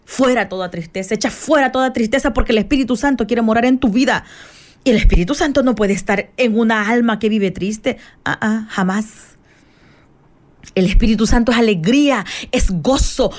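A woman preaching a fervent morning sermon, emphatic and repetitive, rising into prayer. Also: on the high side.

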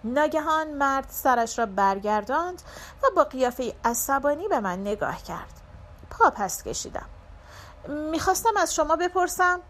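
Woman narrating a dark audiobook tale. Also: sits high, expressive. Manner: measured, dramatic first-person reading. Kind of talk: scripted literary narration.

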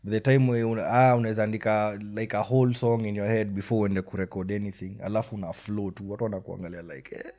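A man's voice: fairly low pitch, fairly even intonation, fast talker, few pauses, a little mellow. A man with a Kenyan accent chatting casually, switching languages mid-sentence as he explains things. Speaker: rapper and songwriter. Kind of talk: casual conversation.

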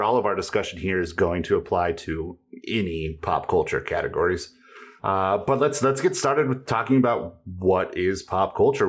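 Male co-host, low voice, hesitant with frequent restarts. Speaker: podcast co-host. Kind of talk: casual roundtable chat.

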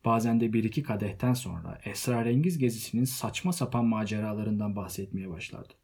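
Husky, low-voiced male narrator. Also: brisk, darkish tone. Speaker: audiobook narrator. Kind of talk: scripted literary narration.

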